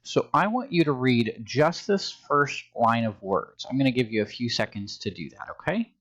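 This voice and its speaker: A man's voice: mid-range voice, expressive, moderate pace, fairly bright tone, no echo. A man teaching a phonics and reading lesson to young children, with patient, encouraging instructions.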